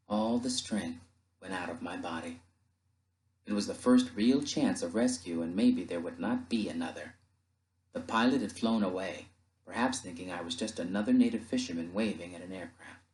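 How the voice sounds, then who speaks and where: A man narrating an audiobook with an expressive, dramatic reading. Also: deep voice, roomy sound, poor audio.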